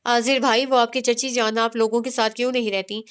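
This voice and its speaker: A woman's voice: fairly high pitch, flat delivery, clean tone, natural voice. A woman voicing an innocent young woman in a story, speaking naively and asking many questions. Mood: curious.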